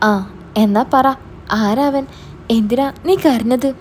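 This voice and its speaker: A woman's voice: fairly high pitch, takes it slowly, a little mellow, a little hiss or hum. A woman voicing a stern young older brother who scolds and demands answers.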